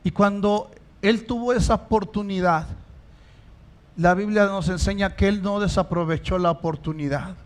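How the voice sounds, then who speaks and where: A pastor preaching a sermon in church, asking the congregation rhetorical questions and rising to emphatic stresses. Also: male voice, high voice.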